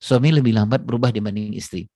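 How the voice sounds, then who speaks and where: A man's voice: mid-range voice, fast talker, warm tone, no echo. A man giving a casual religious parenting talk, chatty and direct with his audience, with many fillers and repeated tag phrases. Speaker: parenting speaker.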